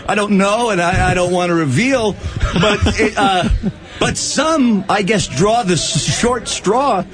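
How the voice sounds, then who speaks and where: High-voiced, slow-paced man being coy. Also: over music. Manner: coy, halting, mock-secretive. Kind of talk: casual radio banter.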